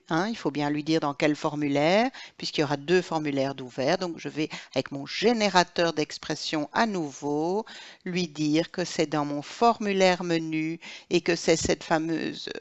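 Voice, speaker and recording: A woman teacher talking through a software tutorial step by step, thinking aloud as she clicks through each action. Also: deep voice, no room sound. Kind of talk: screen-recorded software tutorial. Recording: dull lo-fi dry recording.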